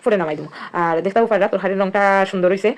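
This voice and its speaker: Racing through her narration with slight background noise, a woman with a Sylheti accent, a cooking vlogger from Sylhet, Bangladesh, walks viewers through a home recipe. Her voice is mid-range and a little mellow, and she chats away casually, explaining each cooking step.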